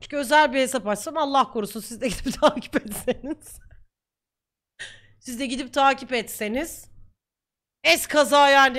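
A woman's voice: sits high, fairly bright tone. A young woman streamer talking casually to her viewers, heated and ranting at times. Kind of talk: casual chat.

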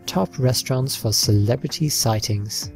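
A man narrating a slideshow in an even, listing read with the odd slip. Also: medium pitch, normal speed, gravelly, soft background music.

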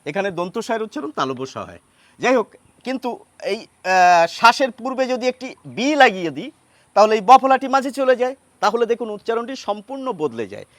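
A man teaching as he writes, patient and unhurried, pausing often with fillers. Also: extremely high pitch, very animated, fairly bright tone, dry recording. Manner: patient, with many pauses and fillers. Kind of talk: explaining Bengali pronunciation at a board.

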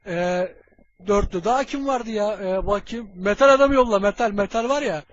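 A man's voice: high voice, moderate pace, muffled recording, lightly acted. A man doing a crude, muttering young superhero. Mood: bossy. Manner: mumbling to himself, casual swearing. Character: crude young superhero bossing his computer. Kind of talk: comedic fan dub.

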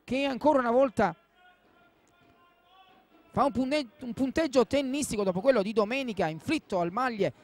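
A man giving excited live football commentary, repeating names and phrases. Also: extremely high pitch, normal speed, long pauses.

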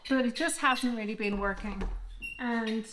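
Candid woman in her fifties, higher voice. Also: measured pace, noisy background. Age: 50s. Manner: candid, reflective, meandering. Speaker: artist vlogger. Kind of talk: casual vlog chat. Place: home art studio. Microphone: microphone she moves away from and back to.

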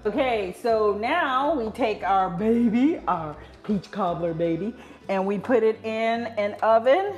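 A woman chatting casually while demonstrating a recipe, relaxed and laughing. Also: fairly high pitch, measured pace, faint music behind. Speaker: cooking demonstrator. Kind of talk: casual cooking chat.

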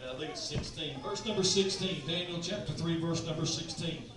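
A fifty-seven-year-old man preaching from a pulpit into a handheld mic, folksy and quick, often repeating himself. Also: fairly high pitch, a bit bright. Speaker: pastor. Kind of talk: sermon. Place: church sanctuary, large room. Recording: roomy church sound from far off.

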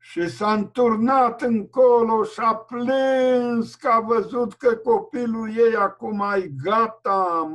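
Man preacher, very high voice, fervent sermon over a video call, loud bursts and slow stretched phrases.

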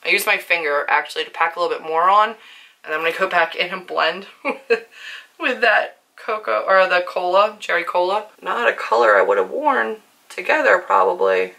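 A young woman with a hoarse, worn voice, chatting casually while demonstrating makeup on her channel. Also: medium pitch, lively intonation, moderate pace, sharp tone. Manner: chatty, filler-heavy, self-deprecating. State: hoarse from screaming. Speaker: beauty vlogger.

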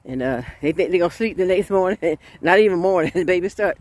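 A woman, preaching a sermon in a lively folksy way and laughing often. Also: on the low side, fast, dry recording.

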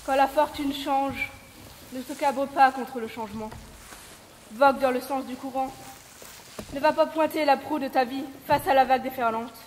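A woman's voice: high voice, steady tone, moderate pace, a little mellow, close to an everyday voice. A young woman playing a proud, grieving fallen queen in a declaimed stage tragedy. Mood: grave, resigned. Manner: mournful, declamatory. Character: grief-stricken fallen queen, proud and lamenting. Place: large theater stage. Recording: reverberant theater, faint noise.

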